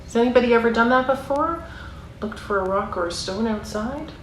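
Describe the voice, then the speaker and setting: This woman's voice is fairly high, expressive, and fairly quick as she reads a picture book aloud to young kids. She keeps up encouraging, chatty asides and asks her listeners questions, all captured with roomy echo and noticeable background noise.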